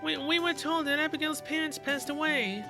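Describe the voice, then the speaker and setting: A man voicing a gentle, polite young woman servant who speaks softly and a little nervously. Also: very high voice, steady tone, moderate pace, vocal fry, music in the background, pitched above the performer's own voice. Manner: soft-spoken, courteous, slightly nervous.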